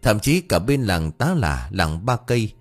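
A man narrating a ghost story in an expressive, lively storytelling manner. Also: on the low side, unhurried, soft background music.

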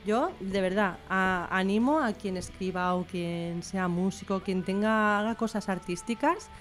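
A bilingual Catalan-Spanish writer from Barcelona, middle-aged and speaking with a Barcelona accent, chats about her writing as an interview guest in an informal conversation. Her voice is mid-range and measured, with faint music in the background.

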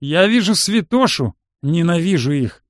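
A man's voice: fairly high pitch, big pitch swings, unhurried, no room sound, clean studio sound, voice pushed up. A man voicing a brutal, mocking male American soldier who bullies others, leering and taunting.

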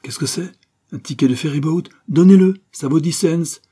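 A man reading an audiobook, voicing a bold, fierce young sailor who shouts menacing demands. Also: a little high, moderate pace, slightly rough, voice pushed up. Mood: shouting demands.

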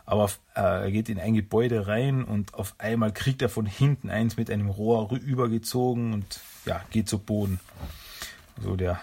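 A man's voice: lowish voice, moderate pace, vocal fry, darkish tone, husky. A man casually retelling a cartoon episode, hesitant and full of fillers.

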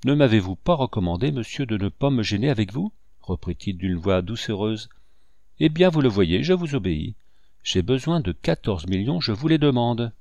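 A cool, sly hunter with a silky, icy politeness, as a man reads him aloud. The voice is low, and the sound is close and dry. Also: sing-song, moderate pace, a little mellow, no echo. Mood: smooth. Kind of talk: audiobook character reading.

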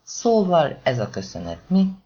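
A menacing gangster, voiced by a man in an audiobook, speaking slowly and loudly with cold, controlled fury. His pitch swings widely between words. The recording is dull and lo-fi. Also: wildly swooping pitch, breathy edge, exaggerated voice. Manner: quiet, commanding, threatening, swearing. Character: menacing male gangster, calm yet furious.

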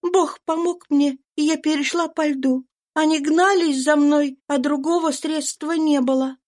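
A woman's voice: high voice, fairly even intonation, measured pace, darkish tone, pitched above the performer's own voice. A woman voicing a desperate runaway mother. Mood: weary. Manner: pleading, fervent, trembling with urgency.

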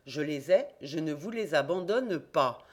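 A woman reading an audiobook, voicing an eager, confident young male reporter-detective in a raised, excited voice. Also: measured pace. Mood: triumphant. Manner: excited, emphatic, raised and higher voice.

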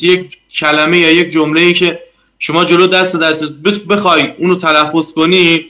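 A man's voice: fairly high pitch, dull audio. A man, a guest in a casual interview, talking politely about learning a language with many hesitant fillers.

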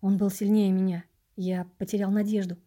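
A woman's voice: medium pitch, level tone, fairly quick, dark tone, close to an everyday voice. A woman reading an audiobook, voicing a despairing, self-doubting young male wanderer with a raised, pleading voice. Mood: weary.

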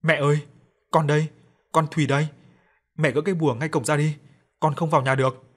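A man's voice: fairly high pitch, fairly even intonation, fairly quick, lightly acted. A man voicing a mournful young woman's ghost. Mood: pleading, mournful. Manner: tearful pleading.

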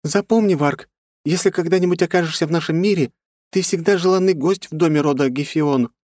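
A man's voice: a little fast, no room sound, studio quality. A man putting on a proud young noblewoman. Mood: earnest. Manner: high, excited voice.

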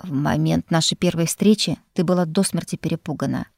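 A woman voicing a teasing, self-assured young male lord and teacher, speaking in an unhurried, mocking way. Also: low voice, a little mellow, no echo, studio quality.

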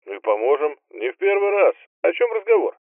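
A man's voice: a little high, big pitch swings, fairly quick, dry recording, pitched above the performer's own voice. A man reading an audiobook, voicing a cheerful, easygoing young man who jokes on the phone. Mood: breezy. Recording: tinny phone-line filter.

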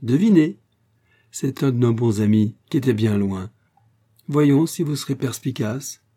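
A man reading aloud, voicing a lively young Parisian woman with bright, excited exclamations. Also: on the low side, normal speed, slightly rough. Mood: playful.

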